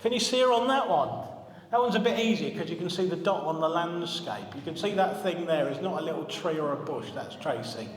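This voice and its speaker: A man's voice: on the high side, expressive, brisk, slight background noise. A man in his forties preaching a sermon in a church as its minister, telling stories with humour and asking the congregation questions. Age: 40s. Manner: chatty, humorous storytelling, asks the congregation questions. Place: church hall. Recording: echoey hall, long reverb.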